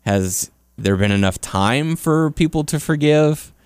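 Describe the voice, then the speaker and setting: A man's voice: a little high, expressive, measured pace, clear, resonant tone, no room sound, clean studio sound. A man hosting a casual sports talk podcast, interviewing a guest and introducing topics in conversational language. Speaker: podcast host.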